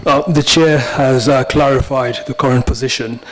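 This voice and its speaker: Man, council officer, formal advice, measured, hesitant, mid-pitched voice. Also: steady tone, a bit bright, poor audio. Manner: measured, many filler "uh"s.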